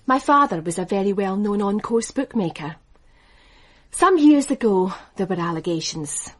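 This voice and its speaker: A medium-pitched, natural-sounding female voice at normal speed plays a racing executive in a radio drama. The actress keeps her animated delivery cool, dry and composed, giving the poised character a crisp, assured, cutting edge.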